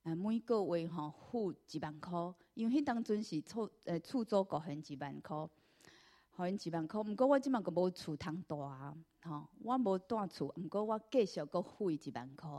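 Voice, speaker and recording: A woman with a Taiwanese accent giving an earnest personal church testimony, telling her story with many drawn-out fillers. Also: fairly low pitch, animated, mellow.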